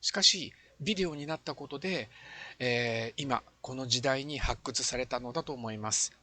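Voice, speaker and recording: A former amateur filmmaker, now an older man, looks back earnestly in an interview, explaining as he reflects. He talks at normal speed with a medium-pitched voice that sounds pushed and bright.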